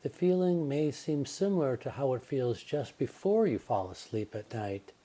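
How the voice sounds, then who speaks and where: Guiding listeners through a relaxation meditation, this man works as a yoga nidra teacher. His medium-pitched delivery stays gentle and calm, with pauses that never feel rushed.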